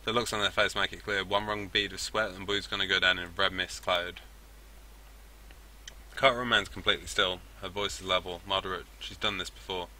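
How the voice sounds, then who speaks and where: A man playing through a story game, reading the text aloud and breaking off into rambling asides. His voice is on the lower side, with a sharp, tense brightness. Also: fairly even intonation, a little fast, slight background noise. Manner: rambling, self-correcting asides. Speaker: let's play host. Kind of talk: game playthrough, reading and commentary.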